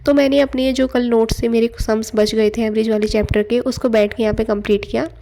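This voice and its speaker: Young female vlogger, casual chatty narration, fairly high voice with a warm mellow timbre. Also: fairly even intonation, a little fast, vocal fry. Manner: chatty, loose Hindi-English mix with fillers. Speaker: exam aspirant vlogger. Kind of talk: casual study vlog narration. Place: at home.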